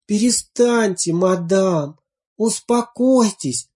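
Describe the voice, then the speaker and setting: A woman's voice: mid-range voice, takes it slowly, warm tone, voice pushed up, lightly acted. A woman voicing a group of fussy village neighbor women in a storybook reading, pleading and fussing.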